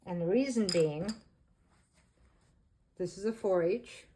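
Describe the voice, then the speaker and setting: Slow, low-voiced Canadian woman. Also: mellow, a little hiss or hum. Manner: halting, short phrases with pauses and fillers. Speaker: artist teaching beginners. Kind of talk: casual art tutorial voice-over.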